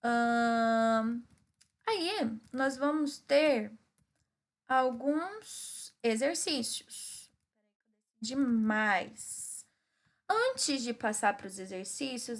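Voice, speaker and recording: A Brazilian woman teaching an English grammar lesson. She explains the rules step by step and checks in with her students as she goes. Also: sits high. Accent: Brazilian Portuguese. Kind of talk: recorded class explanation.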